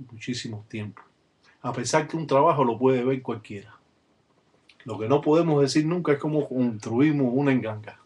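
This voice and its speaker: A man's voice: medium pitch, slightly rough. Man explaining ritual work on webcam. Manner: measured, with frequent "eh" fillers.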